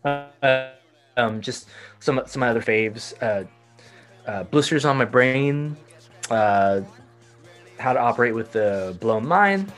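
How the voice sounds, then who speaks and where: A man's voice: medium pitch, lively intonation, takes it slowly, a bit bright, faint music behind. Rambling man with a Texan accent. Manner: rambling, many fillers and restarts. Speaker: podcast co-host. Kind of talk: casual chat.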